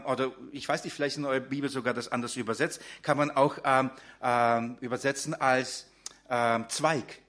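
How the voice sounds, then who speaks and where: A man's voice: mid-range voice, fairly bright tone. A man preaching a sermon in German, talking directly to his congregation with frequent fillers and restarts.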